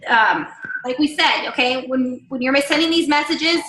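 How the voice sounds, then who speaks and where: A woman's voice: high-pitched, moderate pace, sharp tone, a little hiss or hum. Woman team leader, casual coaching talk, chatty and upbeat, roomy echo. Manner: chatty, encouraging, many fillers and asides. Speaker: team leader giving sales training.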